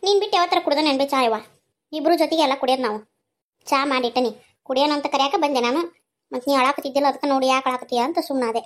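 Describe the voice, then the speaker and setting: A woman with a North Karnataka Kannada accent voicing a gentle, devoted young village daughter who pleads and soothes her mother in a cartoon. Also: high-pitched, rapid-fire, close to an everyday voice. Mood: tender. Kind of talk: cartoon voice acting.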